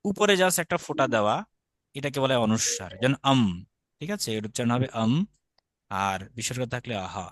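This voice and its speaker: A man's voice: medium pitch, big pitch swings, fairly quick, fairly bright tone, dry recording. Patient teacher, man. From Bangladesh. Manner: patient, repeats and demonstrates each stroke. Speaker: Sanskrit teacher. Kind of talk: step-by-step script lesson.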